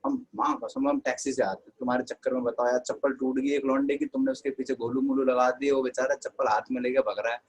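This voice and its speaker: Exasperated man venting at a friend, loud and scolding, as a teacher puts him on. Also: mid-range voice, fast, few pauses, slightly rough, poor audio. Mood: angry.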